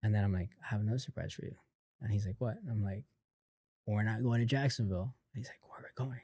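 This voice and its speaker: A man with a low, mellow voice tells a family story in loose, conversational podcast talk. He acts out other people's lines as he goes and leans on fillers. The sound is close and dry, with no room ring. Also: fast talker, dry recording. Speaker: podcast guest, company founder. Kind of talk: casual storytelling in an interview.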